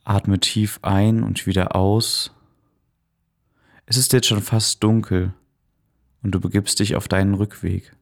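A man softly and calmly narrating a guided meditation in a soothing manner, as the host of a relaxation podcast. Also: lowish voice, slow, creaky, pauses often.

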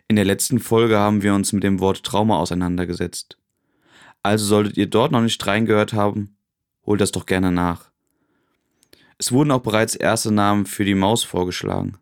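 A man narrating a guided relaxation in a calm, gentle, soothing way, with long pauses. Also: on the low side. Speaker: podcast host.

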